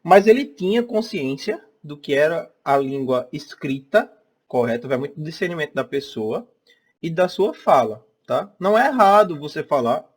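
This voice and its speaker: A young male teacher with a Northeastern Brazilian accent gives a relaxed online lesson, stopping often to check that his students follow. His voice sits a little higher than most men's. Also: normal speed, husky. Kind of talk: recorded online class.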